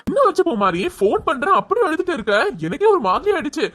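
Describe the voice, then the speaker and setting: A concerned young male friend anxiously urges and consoles, as a woman acts him out. The cartoon voice is high and animated. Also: fast. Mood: worried. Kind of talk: cartoon serial voice acting.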